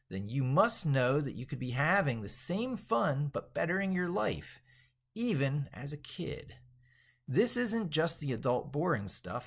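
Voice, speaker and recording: With a husky, medium-pitched voice, a tech educator runs a casual livestream. He works through things on screen and reads text aloud, rambling and thinking out loud at the computer.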